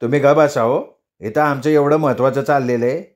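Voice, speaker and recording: A male storyteller playing a hot-tempered village taxi driver, blustering and quick to snap. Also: medium pitch, steady tone, darkish tone, close to an everyday voice. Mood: snapping.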